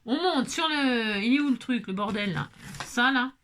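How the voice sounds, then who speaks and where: A woman's voice: a little high, expressive, moderate pace, fairly bright tone. A woman vlogging casually as she assembles a craft kit, chatting to viewers, exclaiming and muttering to herself when pieces go wrong.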